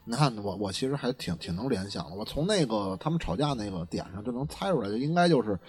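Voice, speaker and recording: A man with a lowish voice speaks quickly over soft background music. He co-hosts a casual podcast chat about internet memes, telling anecdotes in an animated way full of colloquial slang.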